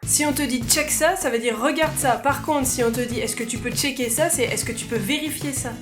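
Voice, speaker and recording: A woman's voice: high-pitched, fairly quick, music in the background. A woman vlogger explaining words in a casual, playful, self-mocking way.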